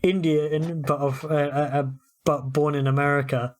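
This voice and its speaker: A man's voice: a little high, flat delivery, moderate pace. A British man co-hosting a podcast, chatting eagerly about football and telling stories. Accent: British English. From United Kingdom. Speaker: podcast co-host. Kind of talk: casual sports chat.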